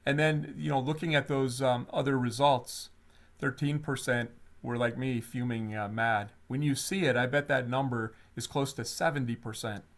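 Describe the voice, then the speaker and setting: A man hosting an online webinar talks at a middle pitch. He is animated and conversational and leans on fillers as he walks listeners through the topic. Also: normal speed. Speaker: webinar co-host. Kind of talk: webinar presentation.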